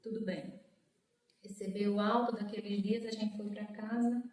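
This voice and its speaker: A woman's voice: level tone, a little slow, darkish tone, slight background noise. A woman giving an emotional personal testimony as a guest, acting out the voices in her story. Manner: storytelling, acts out quoted speech with rising pitch. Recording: echoey room, mic at a distance.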